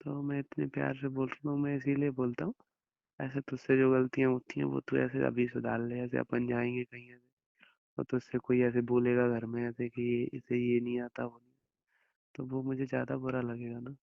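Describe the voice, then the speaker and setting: A man's voice: medium pitch, completely flat delivery, normal speed, gravelly, no room sound. A young man on an intimate phone call with his wife, reassuring her and rambling through long explanations. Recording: muffled phone call recording.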